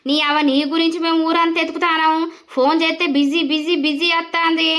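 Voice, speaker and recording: A woman's voice: extremely high pitch, little pitch movement, fairly quick, a bit bright. A woman voicing a loyal young male friend, brash and reassuring, for a village cartoon.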